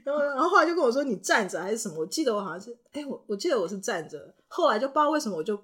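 A young woman co-hosting a casual chat podcast, telling childhood stories with animated acted-out voices and frequent laughter. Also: on the high side, very fast, breathy edge. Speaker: podcast co-host.

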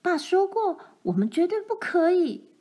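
A woman's voice: very high voice, very animated, moderate pace, mellow, pitched above the performer's own voice. A woman voicing a cautious young girl who scolds and worries about rules. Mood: scolding. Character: cautious rule-minding older sister girl.

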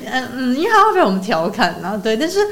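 Woman, high voice that jumps all over, talks fast and teasing. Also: big pitch swings, a bit bright. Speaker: podcast co-host. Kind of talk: casual chat.

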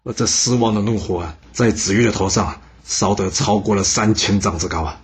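Husky-voiced man telling history. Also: on the low side, a little fast. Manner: chatty, asides to the listener. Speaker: podcast storyteller. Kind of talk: casual history storytelling.

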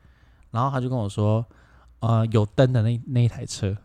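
A man's voice: mid-range voice, normal speed, no room sound. A man with a Taiwanese Mandarin accent, co-hosting a podcast and telling a story in casual chat, acting out the voices in it. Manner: animated, acts out quoted dialogue, bursts of loud laughter. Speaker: podcast co-host.

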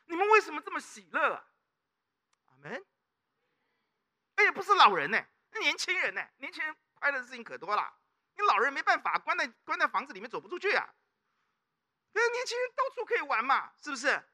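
A man's voice: very high voice, fast talker, pauses often. A middle-aged male pastor with a Taiwanese Mandarin accent, preaching a sermon and often prompting the congregation with questions. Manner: animated preaching with call-and-response questions.

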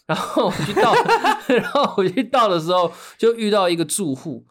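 A man with a Taiwanese accent, co-hosting a casual chat and telling anecdotes in an animated way. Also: sits high, moderate pace. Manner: chuckles while telling stories. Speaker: podcast co-host.

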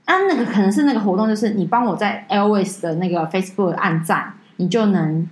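A woman co-hosting a podcast, telling stories in a casual, animated way and mimicking people in a high voice. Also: a little fast, reverberant, low-quality recording. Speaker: podcast co-host. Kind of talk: casual chat.

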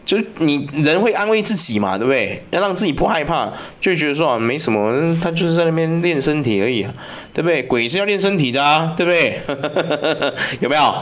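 A man's voice: on the high side, fast talker. A man, hosting a podcast and telling ghost stories in casual, profane chat, often asking whether the listener follows. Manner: animated and profane, keeps asking "you know?". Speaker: podcast host.

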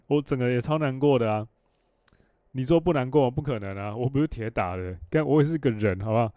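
A man's voice: mid-range voice, brisk, warm tone, no room sound. A man in his thirties with a Taiwanese Mandarin accent, hosting a solo podcast and telling rambling stories in a blunt, cursing way. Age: 30s. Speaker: podcast host. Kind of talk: casual solo podcast storytelling.

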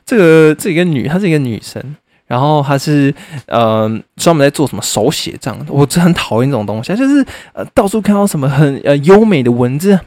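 A young man, hosting a podcast and telling a story in a blunt, animated way, swearing and laughing often. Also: a little high, brisk, dry recording. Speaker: podcast host. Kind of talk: casual storytelling monologue.

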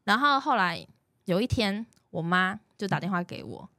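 A woman's voice: normal speed, no echo. A woman with a Taiwanese Mandarin accent tells a story in a casual podcast chat. Her voice swings up and down a lot as she gets caught up in it. The sound is dry and close. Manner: animated storyteller, jumps high when excited. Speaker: podcast host.

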